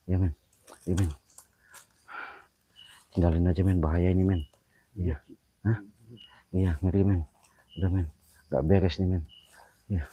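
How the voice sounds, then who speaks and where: Man on a night ghost hunt, very deep voice, dry close sound, yells at spirits, mutters prayers. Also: no room sound. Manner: shouts challenges at spirits, muttered prayers between. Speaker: paranormal vlogger. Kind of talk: live-streamed night ghost-hunting vlog. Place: outdoors on a hillside near a ravine at night.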